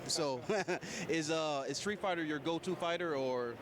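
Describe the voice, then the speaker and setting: A man's voice: fairly high pitch, a little slow, noisy background. A man interviewing a guest, asking questions hesitantly with many fillers.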